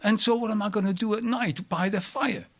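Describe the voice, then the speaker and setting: A man telling a personal story live to an audience, with wide swings in pitch and loudness and chatty asides to the listeners. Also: a little fast. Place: storytelling event before an audience.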